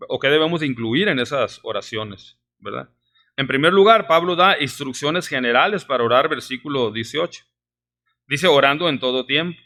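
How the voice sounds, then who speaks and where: A man preaching a sermon, emphatic, his voice rising sharply on key words and dropping low on asides, often adding "¿verdad?" and "hermanos". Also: sharp tone. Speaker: pastor. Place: church sanctuary.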